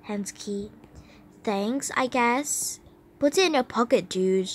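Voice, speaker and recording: A woman's voice: on the high side, slow pace, a little hiss or hum. A woman voicing a snooty, mocking schoolgirl bully in a toy role-play. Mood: dismissive. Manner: mocking, dismissive.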